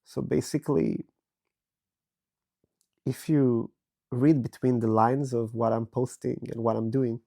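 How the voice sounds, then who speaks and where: Sick with a virus, an Israeli man speaks from bed in his bedroom, his voice slow, raspy and hoarse yet warm in tone and mid-range in pitch. As a podcast host he offers a personal, reflective monologue, candid and thoughtful, broken up by many pauses.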